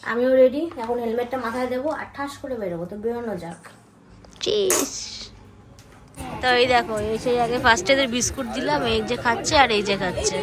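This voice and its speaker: A woman's voice: a little high, rapid-fire, few pauses, noisy background. A young woman chatting casually to her viewers as she narrates her day in a vlog. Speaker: vlogger.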